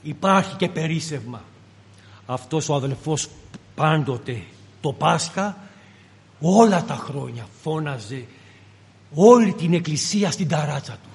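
A man's voice: on the high side, lively intonation, vocal fry, pauses often, a little mellow, in a large hall. A man preaching a sermon with a fervent, pleading delivery.

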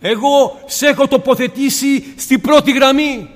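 A man's voice: very high-pitched, steady tone, big-room sound. A man preaching a sermon with impassioned rhetorical questions, addressing his listeners as brothers and sisters.

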